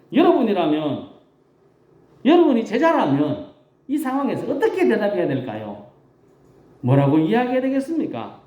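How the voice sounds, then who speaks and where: A man's voice: a little high, mellow, echoey room. A man with a Gyeongsang accent, a rural pastor preaching a Sunday sermon in a folksy, emphatic way with self-deprecating humor.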